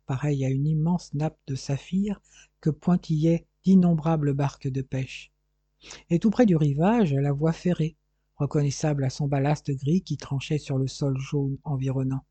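Steady male audiobook reader, fairly high voice, dull dry lo-fi recording. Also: husky, dry recording. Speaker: audiobook narrator. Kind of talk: audiobook reading.

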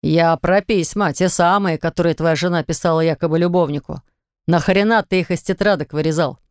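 A woman's voice: fairly low pitch, fairly even intonation, darkish tone, clean tone, dry recording, clean studio sound, lightly acted. Woman doing a stern, scolding older brother. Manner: slow, stern, hissing. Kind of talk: audiobook character reading.

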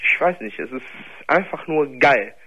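A man's voice: fairly high pitch, expressive, moderate pace, pushed and bright, dull audio. A nineteen-year-old man from Germany calling in to a radio show, hesitant and searching for words. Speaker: caller. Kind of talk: phone-in conversation.

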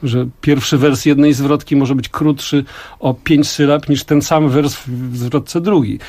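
A man in his sixties, a song translator, speaking in a reflective, measured way in a radio interview. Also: medium pitch, steady tone, darkish tone. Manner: reflective, measured, with frequent pauses. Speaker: song translator and musician, guest. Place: radio studio.

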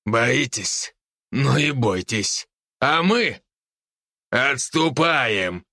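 A man's voice: mid-range voice, animated, extremely slow, bright, forceful tone, dry recording, clean studio sound, full character voice. A man voicing a scarred veteran wolf-beast warlord who growls and taunts his enemies in an audiobook. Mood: mocking. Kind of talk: audiobook character voice.

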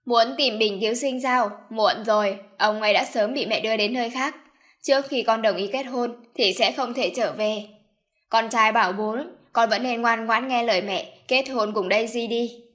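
A woman's voice: a little high, steady tone, moderate pace, fairly bright tone, close to an everyday voice. A woman voicing a scheming, stubborn middle-aged mother in an audiobook, insistent and commanding. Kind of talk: audiobook character voice.

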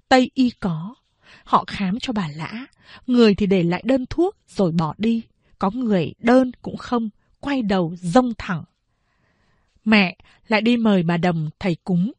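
A woman narrating a novel as an audiobook, in a slow, measured storytelling manner. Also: mid-range voice, a little mellow, breathy edge, dry recording.

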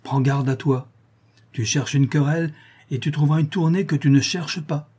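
A man's voice: medium pitch, animated, moderate pace, mellow, breathy edge. A man voicing a young man holding back his anger. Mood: restrained anger. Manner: restrained, firm, warning. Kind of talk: audiobook character reading.

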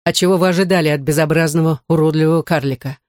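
A man's voice: a little high, fairly even intonation, fast, darkish tone, dry recording, studio quality, close to an everyday voice. A man reading an audiobook, playing a proud, sarcastic dwarf count. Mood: haughty. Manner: haughty, sarcastic.

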